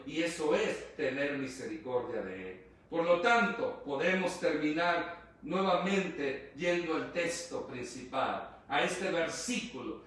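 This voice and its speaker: A man preaching a sermon earnestly, often repeating phrases and speaking straight to his listeners. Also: a little high. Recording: very echoey room, voice far from mic.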